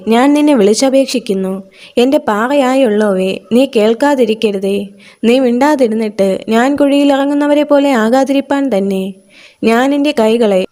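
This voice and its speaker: Mellow-voiced woman reading scripture. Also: fairly high pitch. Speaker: Bible reader.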